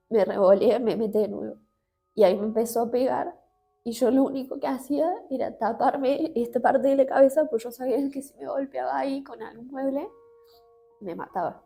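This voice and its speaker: A woman with an Argentine accent gives an emotional personal testimony in an interview. She speaks haltingly, with many restarts and fillers. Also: on the high side, gravelly, mellow. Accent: Argentine Spanish.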